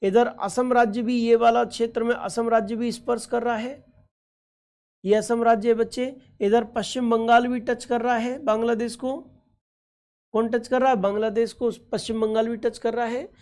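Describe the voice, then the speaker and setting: A woman teaching a geography lesson with a fairly high voice. She fondly calls her students children and keeps asking them questions. She repeats key points and checks in with "okay" after nearly every step. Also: level tone, moderate pace, a little mellow. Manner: affectionate, addresses students as children; repeats and quizzes, frequent "okay ji" check-ins. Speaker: exam-prep teacher. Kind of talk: online geography lesson over a map.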